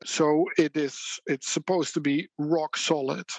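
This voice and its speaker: An auction house specialist with a Dutch accent is a guest in a relaxed conversational interview, where he weighs his words in a measured, reflective, even-handed way and laughs quickly now and then. His gravelly voice sits a bit high for a man. The recording is close and dry, with no echo or room sound.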